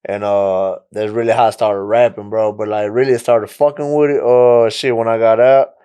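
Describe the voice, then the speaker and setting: A man's voice: fairly low pitch, moderate pace, clean tone. A man, telling his story casually as a rapper guest on a podcast. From Mexico. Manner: relaxed storytelling, frequent "you know what I'm saying".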